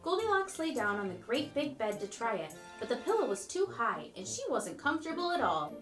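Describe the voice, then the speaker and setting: A woman narrating a children's fairy tale from a script, with expressive storybook emphasis. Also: a little high, fairly quick, faint music behind.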